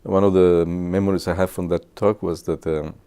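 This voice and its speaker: A man in his sixties from Guatemala, speaking English, shares memories with students in a halting way, full of filler pauses. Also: sits low, flat delivery, mellow, clear, resonant tone. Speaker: physicist. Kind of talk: reminiscing talk to students.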